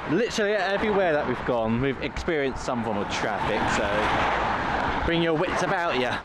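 A vlog host chats in a loose, rambling way to his camera and companion while strolling a rainy country road, with heavy traffic roaring past. He speaks at a moderate pace in a medium-pitched voice with lively intonation.

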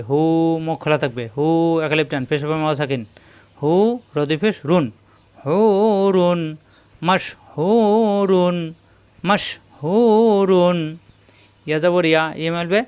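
A man teaching Quran recitation, spelling words letter by letter and drawing out the joined words slowly in a patient, repetitive drill. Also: on the high side, clear, resonant tone. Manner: spells syllables letter by letter, then draws out whole words slowly. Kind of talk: slow spelling-out tajweed lesson.

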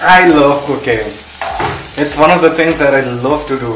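A man's voice: on the high side, moderate pace, over music. Upbeat young man vlogging in an echoey room. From India. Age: young adult. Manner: chatty, upbeat, switches between English and Hindi. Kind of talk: casual vlog chat. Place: small home room and kitchen, indoors.

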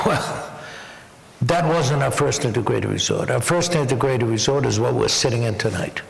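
A man's voice: mid-range voice, moderate pace, vocal fry. A man answering questions as the honored guest at an onstage dinner interview, wry and joking. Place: large banquet hall. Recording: echoey banquet hall.

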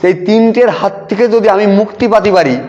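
A man telling a personal devotional story in a lively way, quoting conversations and repeating lines for emphasis. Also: sits high, a little fast. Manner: animated retelling, quotes dialogue with emphatic repetition. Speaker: devotee sharing a testimony. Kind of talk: storytelling testimony. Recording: dull audio in a long-reverb hall.

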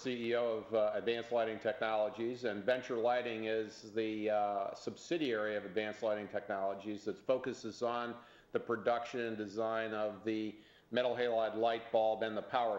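A man's voice: on the low side, level tone. A middle-aged executive speaks unscripted from an office and often halts on fillers. His voice is recorded through a teleconference setup, so it sounds dull and carries the echo of the room. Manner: halting, with many "uh" fillers and restarts. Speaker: company executive. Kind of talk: unscripted talk to camera over a teleconference.

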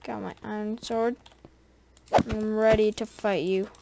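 A woman's voice: medium pitch, level tone, measured pace, vocal fry, very noisy. A woman giving casual gameplay commentary, rambling and chatty as she talks straight to her viewers. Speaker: gaming video creator.

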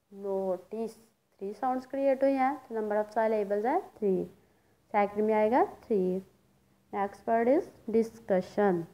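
Woman, English teacher, slow deliberate reading, slightly high voice. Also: dark tone, poor audio. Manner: slow, careful reading of English words, explained in Urdu. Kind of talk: recorded class lecture.

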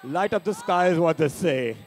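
High-voiced man hyping a crowd. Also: animated, moderate pace. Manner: hypes the crowd, calls for cheers. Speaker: event emcee. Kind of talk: live event hosting. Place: indoor dance event venue.

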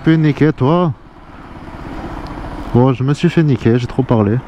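A man's voice: medium pitch, a little slow, lo-fi sound. A young man riding a motorbike and commenting as he goes, joking, mocking himself and putting on broken speech. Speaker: motovlogger. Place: on a motorbike on open roads. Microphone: helmet intercom mic. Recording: loud wind and engine noise.

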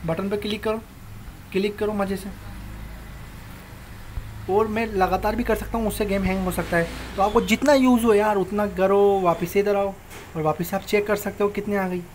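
A man's voice: high-pitched, fairly even intonation, normal speed, darkish tone, slight background noise. A young man casually narrating his own gameplay as host of a gaming channel, talking informally and directly to his viewers like friends. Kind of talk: casual Minecraft tutorial voice-over.

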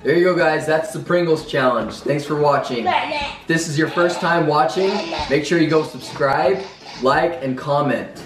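A man hosting a casual family vlog, talking in a relaxed, laid-back way. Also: a little high, normal speed, distant mic. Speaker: vlog host. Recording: echoey room, off-mic, with music.

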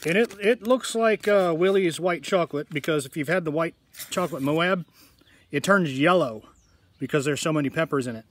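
A man talking casually to his viewers in a tasting vlog, rambling in a relaxed way. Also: fairly high pitch, moderate pace. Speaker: food reviewer.

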